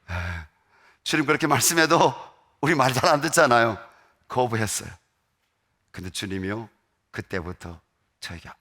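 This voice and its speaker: A man in his forties preaching a sermon as a pastor, swinging from loud high outbursts to hushed near-whispers. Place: church sanctuary.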